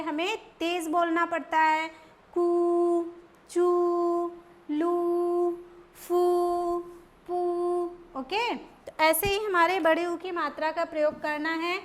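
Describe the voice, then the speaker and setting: A woman teaching young children Hindi letter sounds, stretching out each word slowly so they can repeat it. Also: very high voice, fairly bright tone. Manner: slow, drawn-out syllables for children to repeat. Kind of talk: children's Hindi phonics lesson.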